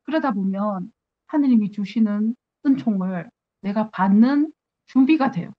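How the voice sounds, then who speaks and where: Earnest nun giving a spiritual talk. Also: female voice, mid-range voice, expressive, measured pace, muffled recording. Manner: earnest, acts out her own prayers to God.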